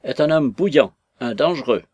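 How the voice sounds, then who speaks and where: A man's voice: medium pitch, lively intonation, darkish tone, breathy edge, dry recording. A man voicing a blunt, simple old woman telling fortunes. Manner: blunt, slow.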